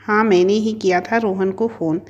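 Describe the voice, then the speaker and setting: A woman's voice: mid-range voice, fairly even intonation, moderate pace, dull audio, lightly acted. A woman voicing a weary, stern mother. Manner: pleading, then scolding. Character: hurt middle-aged mother, weary and stern. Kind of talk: storybook narration.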